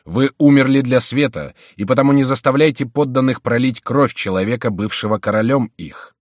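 A man voicing a proud scheming nobleman who speaks in a forceful, commanding way. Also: mid-range voice, a little fast, no room sound, clean studio sound, voice pushed up, natural voice.

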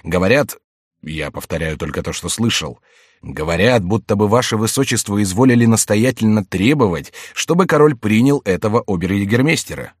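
A man's voice: on the low side, animated, fairly quick, slightly rough, no room sound, studio quality. A man voicing a bold, mocking young nobleman in a read-aloud classic novel. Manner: mocking, daring.

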